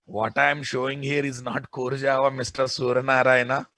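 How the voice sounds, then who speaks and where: A man's voice: mid-range voice, level tone, normal speed, sharp tone. A man with a Telugu Indian accent giving an informal technical lesson as a programming lecturer, insistent and often putting questions to his students.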